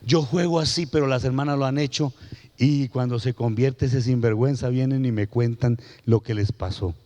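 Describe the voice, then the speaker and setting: Animated middle-aged preacher, churchy reverb. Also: male voice, mid-range voice, normal speed. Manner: animated preaching, storytelling with shouted peaks and quiet drops. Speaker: guest pastor. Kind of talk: sermon. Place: church sanctuary. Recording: long hall reverb of a church.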